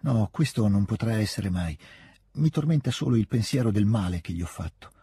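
A tearful young noblewoman from a classic novel begs forgiveness in a very husky, low voice, as a male reader puts her on. The tone is dark and the sound dry and close. Her words come broken and repeated. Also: lively intonation, a little fast, no echo, exaggerated voice. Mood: pleading, ashamed.

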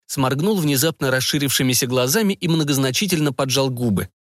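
A man narrating a science-fiction audiobook in a steady storytelling manner. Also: medium pitch, fairly quick, no room sound, studio quality. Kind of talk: scripted narration.

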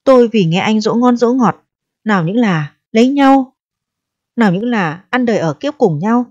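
A woman's voice: lively intonation, moderate pace, darkish tone, no room sound. A woman voicing a distressed, proud eighteen-year-old pregnant girl who pleads and reproaches in a storybook reading. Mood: pleading reproach. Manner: pleading and reproachful, turning shrill when upset. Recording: dull, dry audio.

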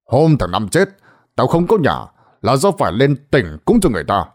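A man voicing a stern, gruff older village sorcerer in a spoken ghost story. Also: medium pitch, very animated, moderate pace. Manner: gruff, scolding, commanding.

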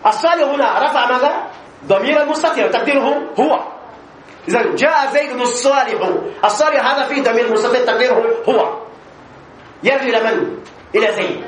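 High-voiced man teaching grammar, echoey room. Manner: questions students and answers himself, repeats example phrases. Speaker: sheikh teaching Arabic grammar. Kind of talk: classroom grammar lesson. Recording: echoey room with faint background noise.

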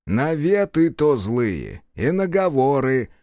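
A man's voice: medium pitch, wildly swooping pitch, normal speed, darkish tone, dry recording, studio quality, pitched above the performer's own voice. A man voicing a brash, sardonic male hunter of the undead who talks bluntly and mocks. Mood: mocking. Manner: brash, mocking.

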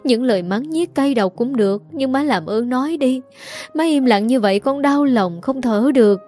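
Narrator doing a weeping young daughter begging her mother, higher voice, dark tone. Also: animated, moderate pace, faint music behind. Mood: tearful pleading. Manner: pleading, tearful sobbing delivery. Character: young woman, remorseful runaway daughter begging forgiveness.

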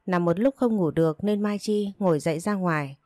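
Low, mellow woman narrating a story. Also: a little fast, no room sound.

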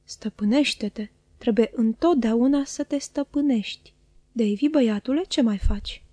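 A woman voicing a cold, controlling stepfather who talks in a slow, lowered, measured way. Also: warm tone, no room sound, close to an everyday voice. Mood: stern.

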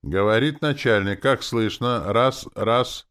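A man's voice: medium pitch, slow, clear, resonant tone, voice pushed up. A man voicing a fawning, cheeky male zombie, a former official, in a wheezy, nasal voice in an audiobook. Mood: pompous. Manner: flattering, cheeky, theatrical. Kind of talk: audiobook character voice.

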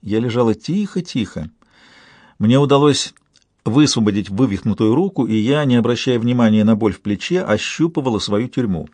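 A man reading an audiobook in a measured, tense first-person narration. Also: medium pitch, lively intonation, a little mellow, no echo. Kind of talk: scripted narration.

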